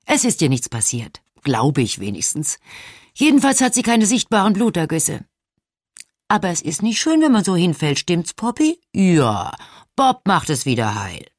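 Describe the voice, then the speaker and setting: A woman's voice: on the low side, huge pitch swings, dry recording, clean studio sound. A woman voicing a frazzled, exhausted young mother who speaks bluntly to her friend in an audiobook. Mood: soothing. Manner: blunt, hurried.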